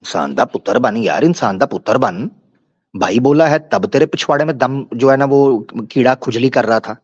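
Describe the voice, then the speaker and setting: A man's voice: medium pitch, lively intonation, moderate pace, slightly rough, no echo. A man hosting a live-stream debate, ranting in a taunting, mocking and crude way. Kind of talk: combative live-stream rant. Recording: dull lo-fi stream audio.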